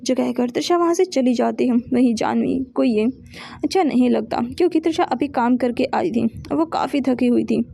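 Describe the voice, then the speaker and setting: High gravelly woman narrating a story. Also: moderate pace, no echo, studio quality. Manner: steady reading with small restarts.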